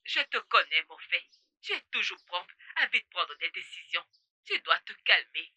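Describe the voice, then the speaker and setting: Mom character done by a woman, calm and stern, bright voice, dubbed drama. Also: lowish voice, moderate pace, no room sound, full character voice. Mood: admonishing. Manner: calm, admonishing. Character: steadying mother of a grown son.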